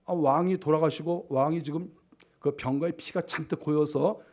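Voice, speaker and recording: A male pastor preaching a sermon, telling the story vividly by acting out the characters' shouts and laughing along, then dropping into hushed, low narration. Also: fairly even intonation, normal speed.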